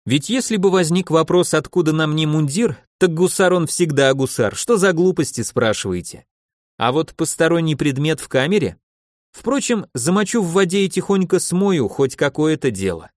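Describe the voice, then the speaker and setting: Lively male audiobook narrator. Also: a little high, no echo, studio quality. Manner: lively, wry storytelling. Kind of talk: expressive audiobook reading.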